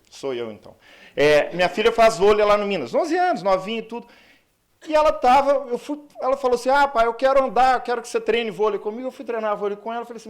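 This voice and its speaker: A high-voiced man talks fast and loosely at a conference, self-mocking and full of fillers. He is a lawyer from Brazil speaking to a hall. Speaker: lawyer giving a conference talk. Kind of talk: conference talk.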